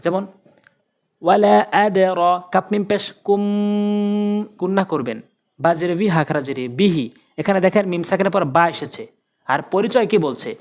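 A Quran recitation teacher giving a step-by-step tajweed lesson, spelling out letters and vowel marks syllable by syllable, then repeating the joined sounds slowly and drilling them again and again. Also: medium pitch, lively intonation. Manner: patient, repetitive drilling with questions and answers.

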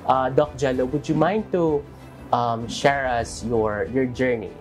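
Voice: mid-range voice, a little slow. An interviewer with a Filipino accent who asks polite, hesitant questions in a mix of English and Filipino. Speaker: interviewer, magazine host. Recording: music bed under the voice.

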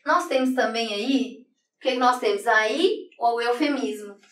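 A woman's voice: fairly high pitch, unhurried, a bit bright. A woman teacher explaining figures of speech in an online exam-prep lesson, often checking in with the class by asking "right?". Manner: explanatory, tag questions "né?" constantly. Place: room, writing on a board. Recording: echoey room, distant mic.

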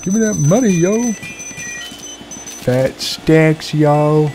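Speaking very slowly in a slightly high, relaxing voice, a young man hosts a let's play, casually commenting on the game. His rambling talk is laid-back, profane, and self-deprecating, with slight background noise behind him.

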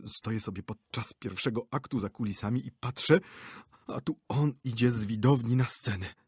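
A man's voice: medium pitch, normal speed, darkish tone, slightly rough, dry recording, studio quality. A man doing a lisping, trembling old director. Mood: pleading. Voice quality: lisping whisper. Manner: pleading, trembling, sobbing. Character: old bald male theatre director, cowardly and trembling.

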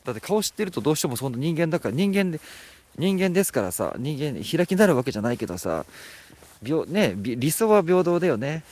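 A man's voice: on the high side, sing-song, fast talker, a little mellow. A man live-streaming outdoors at night, chatting casually and teasing as he reads out viewer comments. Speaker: livestreamer. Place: outdoors at night at a rural spot.

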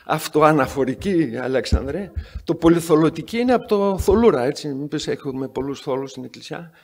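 A man's voice: fairly high pitch, animated, creaky. A man chairing a medical conference session, giving an introduction full of sarcastic, wry anecdotes. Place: conference hall.

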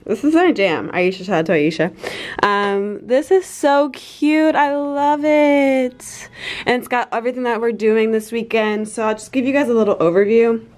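A woman's voice: medium pitch, a little fast, low-quality recording. Bubbly young woman vlogging. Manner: bubbly, rambling, lots of fillers. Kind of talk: casual vlog chat. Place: hotel room and travel.

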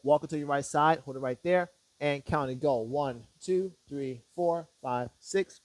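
A man working as a fitness instructor, guiding stretches with short, measured step-by-step directions and counts. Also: a little high, no echo.

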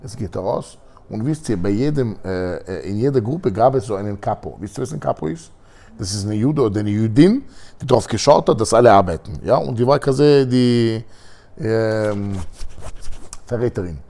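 Gravelly man telling a sermon story. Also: on the low side, expressive, normal speed, mellow. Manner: dramatic storyteller, addressing listeners directly. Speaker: religious teacher.

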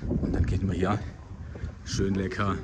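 A middle-aged man with a very low voice narrates a casual food vlog, chatty and enthusiastic. He films on a phone at arm's length. Clear street noise runs behind him. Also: little pitch movement, normal speed. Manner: chatty, enthusiastic, describes dishes. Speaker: food vlogger. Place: outdoors on a street and at a restaurant. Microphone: phone camera held at arm's length. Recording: noisy outdoor street.

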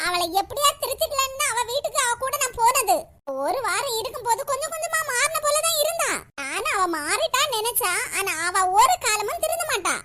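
A woman's voice: very high-pitched, lively intonation, fairly quick, sharp tone, heavily acted. A woman voicing a scheming older village mother-in-law in a cartoon, scolding bluntly with a Kanyakumari Tamil accent. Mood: confiding. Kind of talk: cartoon voice acting.

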